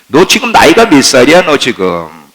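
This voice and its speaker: A man's voice: wildly swooping pitch, moderate pace, a bit bright, low-quality recording. A man voicing a scornful person who mocks and scolds a young churchgoer. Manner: mocking, scolding, low and gruff.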